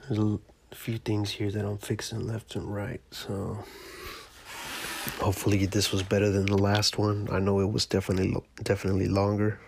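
Laid-back gravelly podcast host, monotone. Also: male voice, fairly low pitch, moderate pace, a little hiss or hum. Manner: laid-back, profane, rambling. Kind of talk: casual solo podcast talk.

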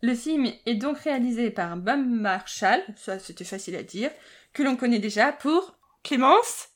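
A woman's voice: fairly high pitch, animated, moderate pace. A woman hosting a casual podcast chat, often tripping over words, correcting herself and laughing. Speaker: podcast host.

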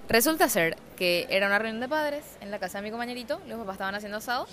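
Fast-talking young woman. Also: fairly high pitch, animated, fairly bright tone. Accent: Paraguayan Spanish. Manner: quick, joking interjections. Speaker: podcast co-host. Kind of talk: casual chat.

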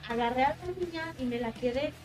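A woman with a Mexican Spanish accent tells a story in casual, slangy chat. Her voice sits high. Guitar music plays clearly behind her. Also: fairly quick, low-quality recording. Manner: animated anecdote telling with slang.

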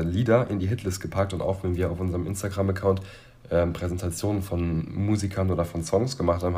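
A young man co-hosting a casual podcast, relaxed and orderly, with hesitant fillers. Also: sits low. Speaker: podcast co-host. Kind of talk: casual chat.

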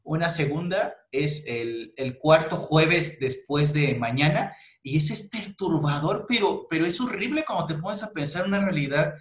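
A man hosting a casual chat, telling stories in an animated, slangy way with many restarts. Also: on the high side, normal speed, few pauses. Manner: animated storyteller, slangy, frequent restarts and laughs. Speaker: podcast host. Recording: echoey room.

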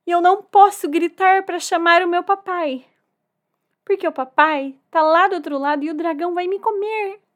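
A woman's voice: fairly high pitch, unhurried, fairly bright tone. A woman voicing a frightened, curious little boy in a storybook tale. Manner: frightened, pleading, wide-eyed.

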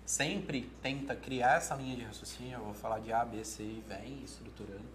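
Speaking a little fast at medium pitch, a Brazilian Portuguese-accented man gives casual coaching as an oratory teacher, with a little hiss or hum on the audio. He's animated, acts out quoted thoughts, and keeps restarting.

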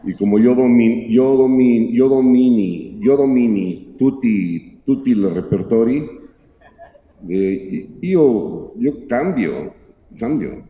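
A man voicing a boastful fake opera tenor who speaks slowly and grandly and fumbles invented Italian words. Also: mid-range voice, expressive. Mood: grandiose. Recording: dull echoey hall recording.

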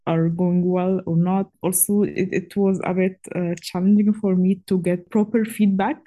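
A woman's voice: lowish voice, flat delivery, moderate pace, warm tone. A young woman from Egypt in her twenties, answering interview questions casually and hesitantly, with frequent fillers and restarts. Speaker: guest.

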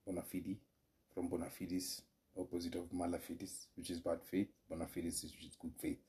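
Kenyan male lawyer-host, deep and dark-toned, formal lecturing delivery. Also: monotone. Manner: measured, formal lecturing with careful restarts. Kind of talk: solo legal explainer podcast.

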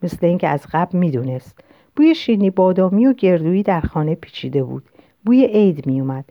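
A woman with a somewhat low voice reads a novel aloud in the first person. Her delivery is calm and reflective. The recording is dry, close and a little dull. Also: dry recording. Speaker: audiobook narrator. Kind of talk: narrating a novel.

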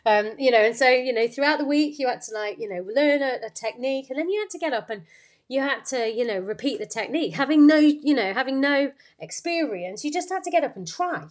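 A woman hosting a podcast talks through a motivational story, rambling unscripted with lots of fillers and restarts. Her voice is high-pitched, expressive, and a little fast.

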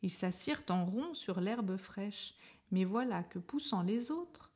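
A woman reading a children's storybook aloud with gentle expression. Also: mid-range voice, animated, slow pace, slightly rough.

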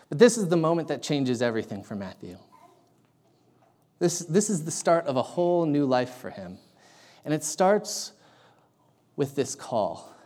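A young man preaching a sermon in a casual, halting way with lots of ums, his voice carrying an echoey big-room sound. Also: medium pitch, a little mellow. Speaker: guest preacher.

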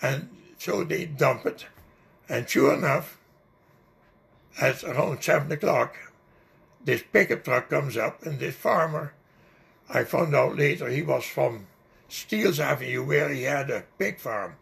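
An older man who isn't a native English speaker recalls a personal story in a rambling oral history interview, vivid in detail and full of fillers. His mid-range voice is expressive, creaky and fairly bright, moving at a measured pace with long pauses.

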